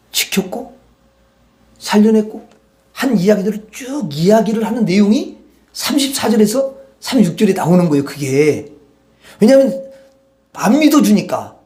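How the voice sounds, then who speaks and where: A man's voice: high voice, warm tone. A man preaching a Sunday sermon, retelling a Bible story with acted-out dialogue and leading the congregation in reading verses aloud. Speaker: pastor.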